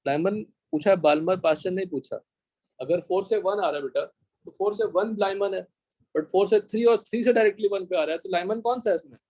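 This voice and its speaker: High-voiced Indian man teaching chemistry. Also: a little mellow, no room sound. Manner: explains step by step, checks the class often; dictates slowly in English. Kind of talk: live classroom lecture.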